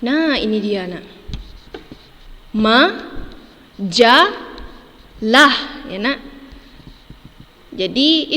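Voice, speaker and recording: A woman's voice: fairly high pitch, a bit bright, in a large hall. A woman teaching a children's lesson, patiently spelling words out syllable by syllable and tagging "ya, Nak" onto every phrase. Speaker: primary school teacher.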